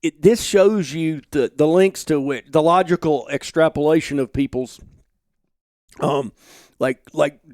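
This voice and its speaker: A man's voice: a little high, a little slow, darkish tone, dry recording, studio quality. A man talking as a podcast guest, thoughtful and reflective, drawing on history and books in casual conversation. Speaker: guest, outdoor journalist.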